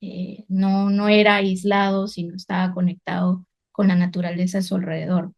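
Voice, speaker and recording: A woman's voice: on the low side, flat delivery, moderate pace, muffled recording. Reflective woman researcher recounting her path. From Guatemala. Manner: reflective, many fillers and restarts. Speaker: environmental researcher. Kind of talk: personal career story, unscripted.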